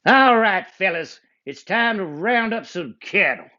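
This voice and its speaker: A hearty, folksy cowboy leader, as a man reads him aloud. His voice rises with booming, lively cheer. The recording is muffled and lo-fi. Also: measured pace, exaggerated voice.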